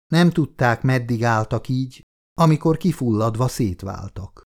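A man from Hungary reading an audiobook in calm, steady scripted narration. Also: medium pitch.

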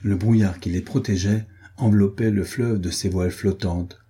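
A male audiobook narrator reads scripted material in an even, measured way, his lowish voice very dark and husky.

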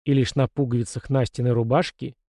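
A man reads a first-person audiobook in a measured, steady way, his voice dark and mellow. The recording is dry and close, with no room sound. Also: medium pitch, no room sound. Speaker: audiobook narrator.

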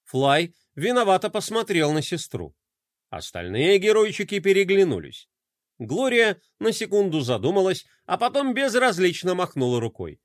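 Lively high-voiced man reading a storybook. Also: moderate pace, dry recording, clean studio sound. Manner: expressive, animated storytelling. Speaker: narrator.

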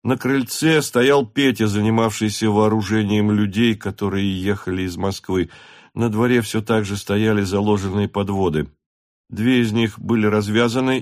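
A man narrating a classic novel aloud in a measured, expressive reading. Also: lowish voice, dry recording, studio quality. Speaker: audiobook narrator. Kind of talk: scripted narration.

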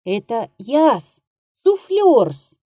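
A woman voicing a tall, wiry, bald old male theatre prompter with a gray beard, speaking slowly and softly in a deferential manner. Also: on the high side, big pitch swings, dry recording, voice pushed up, heavily acted. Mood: reassuring. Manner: slow, soft, adds deferential "-s" to words.

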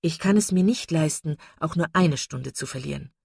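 Woman voicing mocking young gentleman, sly, low husky tone, audiobook. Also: normal speed, dry recording, studio quality, exaggerated voice.

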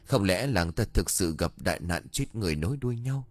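A man's voice: sits low, expressive, brisk, no room sound. A man voicing a shaken old village chief. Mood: worried. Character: frightened older village chief, husband.

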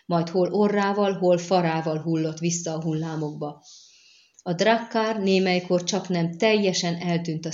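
A woman narrates a fantasy novel in a measured storytelling manner with a low voice. The recording sounds dull and lo-fi, with the top end missing. It is a steady audiobook reading.

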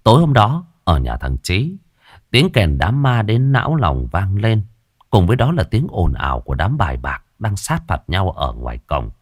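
Lively, crude storyteller. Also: male voice, fairly low pitch, normal speed, no room sound, clean studio sound. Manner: crude, colloquial, expressive. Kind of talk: ghost story narration.

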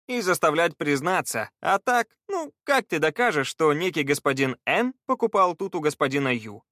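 Male reader playing an upbeat, practical treasure hunter with a teasing streak, higher voice, dry read. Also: sing-song, moderate pace, a bit bright, dry recording. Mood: brisk. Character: cheerful brisk male treasure hunter, joking.

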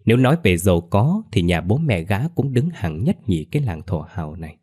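A man narrating a ghost story in a measured, somber storytelling manner. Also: deep voice, big pitch swings, warm tone, husky. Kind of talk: scripted narration.

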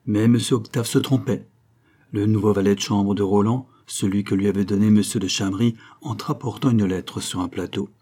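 A man reading a novel aloud as audiobook narrator, measured and even. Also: on the low side.

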